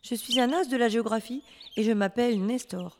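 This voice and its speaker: A boastful, eager male Persian cat from a storybook, voiced by a woman reader. His voice sits a little high. The room rings with reverb and noise runs underneath. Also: a little fast, close to an everyday voice.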